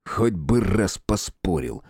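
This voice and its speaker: A man voicing a blunt, gruff male fight master who scolds his pupil. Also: deep voice, sing-song, slow pace, darkish tone, no echo, studio quality, full character voice.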